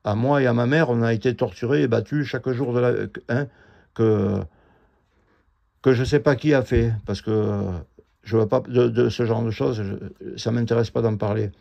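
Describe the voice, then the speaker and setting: A middle-aged man telling his own grievance in a halting, indignant ramble full of fillers and restarts. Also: mid-range voice, fairly even intonation, gravelly, dark tone. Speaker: vlogger telling a personal grievance. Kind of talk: rambling first-person account. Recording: dull lo-fi audio.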